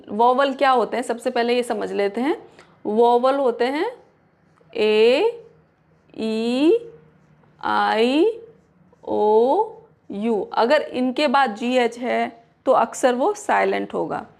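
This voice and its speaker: A woman teaching English pronunciation in a Hindi-English lesson, reading each rule slowly and repeating example words. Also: fairly high pitch, vocal fry.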